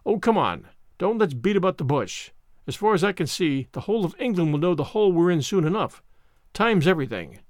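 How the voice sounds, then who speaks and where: A man's voice: high-pitched, sing-song, a little fast, no room sound, clean studio sound. A man voicing a blunt, impatient male cabinet minister who talks abruptly. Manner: abrupt, brusque.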